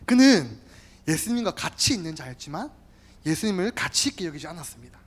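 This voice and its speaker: A youth pastor preaching to a congregation, turning to the listeners often and repeating key words. The pitch swings widely, rising high on emphatic phrases and dropping low and soft at the ends. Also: very animated, fairly quick, breathy edge. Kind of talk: sermon.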